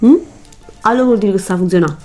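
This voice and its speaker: A woman's voice: mid-range voice, quick pace, warm tone. A woman speaks in a mid-range voice with a Neapolitan Italian accent, over background music. She talks like a chatty tutorial vlogger, slipping into dialect. Her delivery is colloquial and emphatic, with instructions repeated for emphasis.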